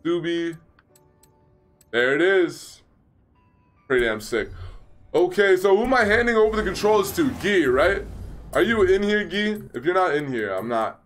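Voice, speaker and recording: A young man in his twenties hosts a casual gaming livestream on a headset mic in a small room, with faint music behind him. His voice sits high and a bit bright, with lively intonation and an unhurried pace broken by frequent pauses. Chatty and loose, he reads and answers his viewers' messages and laughs often.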